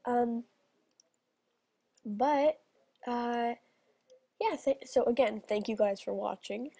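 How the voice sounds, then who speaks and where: A teenage girl hosting a casual video, chatting bubbly and quick while reading out game messages. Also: fairly high pitch, vocal fry, warm tone, breathy edge, dry recording. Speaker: channel host.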